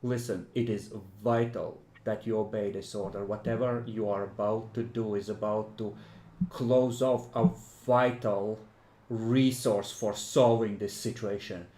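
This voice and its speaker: A man's voice: fairly low pitch, fairly even intonation, measured pace, dark tone, natural voice. A man plays a commanding, secretive vampire prince in a tabletop horror game. He gives formal, cryptic orders with a stern air, in an echoey room. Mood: stern, urgent.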